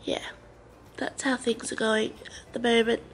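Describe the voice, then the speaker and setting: Her voice sits fairly high, with flat delivery and a slightly slow pace, over slight background noise. This young adult Australian woman, congested with a blocked nose, chats rambling and hesitant to camera from her living room, using lots of fillers. She films with a handheld camera at arm's length.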